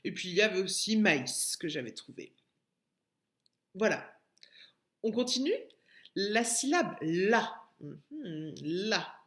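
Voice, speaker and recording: A woman with a French accent speaks to small children as their teacher, gently drawing out each syllable. Her pace is very unhurried. The recording has a noticeable room echo. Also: lowish voice, expressive. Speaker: preschool teacher. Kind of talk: recorded lesson for young children. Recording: echoey room.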